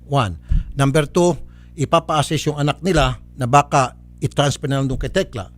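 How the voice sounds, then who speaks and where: On a public service show, a male host speaks at medium pitch and a moderate pace. He issues a stern on-air ruling on a case, scolding a caller with curt refusals and mocking laughs.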